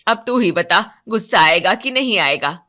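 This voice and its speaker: A woman voicing a short-tempered housemaid mother, grumbling and scolding in a lowered, louder voice. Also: animated, normal speed. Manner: irritated, scolding.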